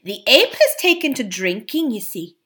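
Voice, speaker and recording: A woman's voice: a little high, sing-song, moderate pace, fairly bright tone. A woman voicing a loyal male dwarf who recounts events in a frank, homely way. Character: gruff plain-spoken male dwarf, loyal.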